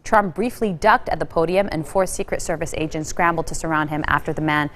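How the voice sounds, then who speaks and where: A woman news anchor reading a scripted bulletin with a steady, even delivery. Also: low-pitched, a little fast.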